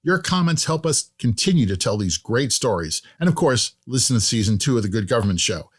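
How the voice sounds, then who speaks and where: A male podcast host reads his intro in a friendly, folksy way, slipping in small jokes. His voice is mid-pitched and even for a man. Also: fairly quick, husky. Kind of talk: scripted podcast narration and interview.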